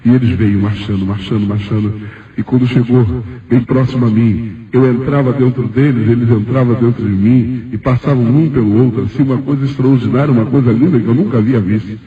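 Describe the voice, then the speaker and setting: A man's voice: medium pitch, fairly even intonation, a little fast. A man preaching a testimony sermon, telling his story fervently, his voice rising when he quotes himself. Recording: echoey, distant, dull lo-fi church recording.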